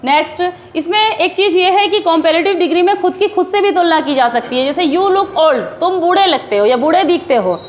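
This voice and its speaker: A woman teaching English grammar in a classroom style, explaining patiently and slowing down to read English examples. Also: extremely high pitch.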